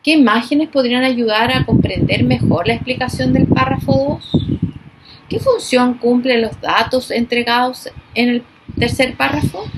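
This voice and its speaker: A woman teacher giving a recorded class, speaking slowly and emphatically and stressing each example word. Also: a little high, background noise.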